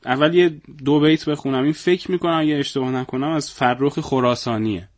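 A man who is a guest poet and humorist, speaking in a measured way and reciting verse with a storyteller's pacing. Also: on the high side, steady tone, no echo. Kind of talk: conversational interview with poetry recitation.

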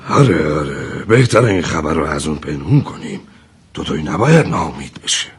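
An actor playing a solicitous, persuasive village man in a drama, with a rough, husky voice. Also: very deep voice, sing-song, full character voice. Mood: grave.

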